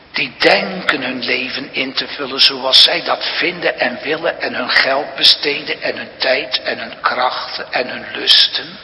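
Brief: male preacher, slow and deliberate, bright, ringing tone, emphatic storytelling sermon, church reverb. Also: medium pitch. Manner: emphatic storytelling preaching, addressing congregation and children. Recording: long reverb of a church hall.

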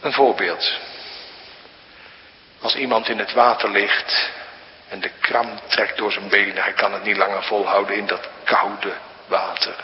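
A man preaching a sermon to a congregation, slow and emphatic, rising now and then to loud, high appeals. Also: little pitch movement, highs cut off, a little hiss or hum. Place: church. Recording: hall reverb.

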